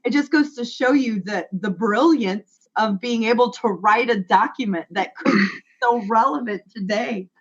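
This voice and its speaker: A woman's voice: on the high side, moderate pace, few pauses. Earnest woman with a raised voice. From United States. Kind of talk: casual online panel discussion. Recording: muffled web call audio.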